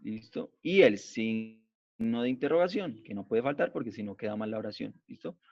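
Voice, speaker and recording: A male teacher giving an online grammar class, explaining slowly and patiently and checking in after each point. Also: mid-range voice, expressive, creaky, darkish tone. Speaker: English teacher. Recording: dull lo-fi online class audio.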